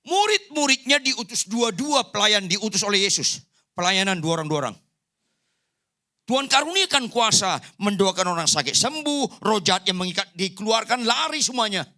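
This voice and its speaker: A man's voice: high voice, moderate pace. A man preaching a sermon as pastor in a church hall, joking and acting out the people in his stories. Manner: animated joking preacher, acts out voices.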